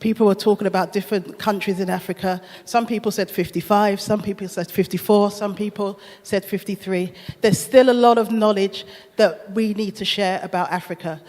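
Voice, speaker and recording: A woman's voice: mid-range voice, fairly even intonation, fairly quick, a little mellow. A woman from Ghana working as a business strategy consultant, introducing herself confidently with a handheld mic on a conference stage. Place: large conference hall stage. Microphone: handheld microphone. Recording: long hall reverb.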